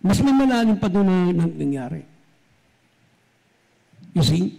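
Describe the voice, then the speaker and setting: A man's voice: sits high, sing-song, unhurried, gravelly, mellow. A man preaching a sermon as pastor, speaking straight to his congregation and switching between Tagalog and English. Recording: long reverb from a large hall.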